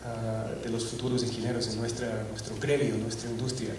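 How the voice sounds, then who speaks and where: Recorded from a distance in a very echoey, packed auditorium with a faint hum underneath, a middle-aged conference speaker from Scotland delivers a technical talk. He speaks a little fast in a mid-pitched voice with little pitch movement, hesitating often with fillers and restarts.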